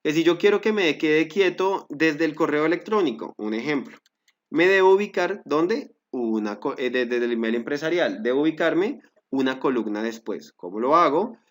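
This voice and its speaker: A man with a slightly high voice walks viewers through a software lesson step by step. He explains patiently and pauses on fillers, often correcting himself as he goes. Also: animated. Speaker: Excel instructor. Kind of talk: screen-recorded software tutorial.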